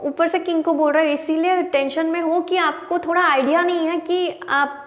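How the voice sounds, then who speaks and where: A woman's voice: very high voice, steady tone, normal speed. Woman teacher, patient lesson tone, long reverb on the room. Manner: patient, explains word meanings. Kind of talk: lesson explaining an English story in Hindi.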